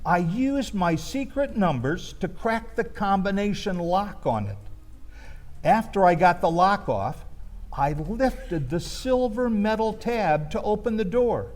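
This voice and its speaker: Telling a gently comic story from his own past, a man with a high-pitched voice moves slowly and haltingly through it. His pitch rises and falls with liveliness, and he pauses between phrases in the manner of a wistful raconteur.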